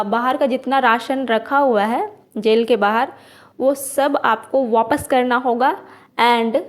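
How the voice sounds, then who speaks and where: Female show reviewer, high voice, indignant ranting delivery. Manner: indignant, ranting, mixes English words. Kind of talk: casual video commentary.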